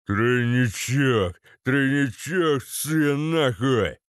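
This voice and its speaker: A man voicing a brutal, thick-headed male ex-paratrooper thug, growling slow and foul-mouthed. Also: medium pitch, lively intonation, no room sound, clean studio sound. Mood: snarling.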